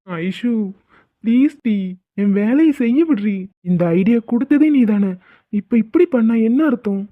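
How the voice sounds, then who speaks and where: A woman voicing an exasperated young husband in an animated comedy, teasing and pleading with his wife. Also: on the high side, moderate pace, no room sound. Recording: tinny phone-like sound.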